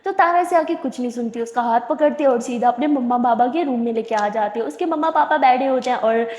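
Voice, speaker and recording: A woman with a high voice narrates a story in a chatty, informal way, running scenes together with fillers. She records in a roomy space with a long reverb tail. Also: quick pace, a little mellow.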